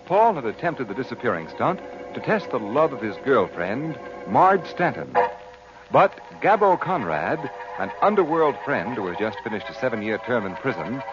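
A man's voice: mid-range voice, sing-song, normal speed, music in the background. A man working as announcer and narrator of an old radio show, delivering polished, emphatic lines. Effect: old radio show broadcast sound. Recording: dull, lo-fi old radio recording.

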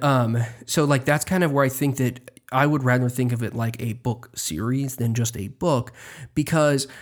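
A man co-hosting a casual book podcast, measured as he builds on his co-host's point. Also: mid-range voice. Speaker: podcast co-host.

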